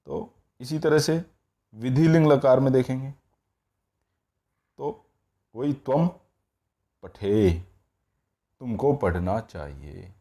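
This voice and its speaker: A man's voice: medium pitch, expressive, mellow. A man teaching Sanskrit grammar in a patient, repetitive classroom style, checking in often as he goes. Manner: patient, repeats each form slowly, often says "all right".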